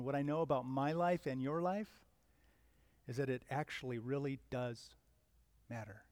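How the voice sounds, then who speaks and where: A man's voice: a little high, dry recording. Earnest fifty-something man preaching a sermon. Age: 50s. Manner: earnest, conversational preaching with sudden loud emphatic swells. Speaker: pastor.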